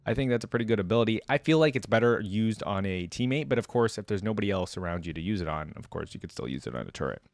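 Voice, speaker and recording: This man, a reaction video creator, has a mid-range voice recorded with no echo. He chats with viewers enthusiastically and in slang while reacting casually and reading text aloud.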